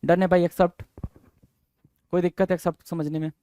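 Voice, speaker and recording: High pitched guy teaching vocab, keeps repeating words and quizzing, dry close sound. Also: flat delivery, quick pace, warm tone, dry recording. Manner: drills words, repeats and spells them out, asks students questions. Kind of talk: exam-prep lesson.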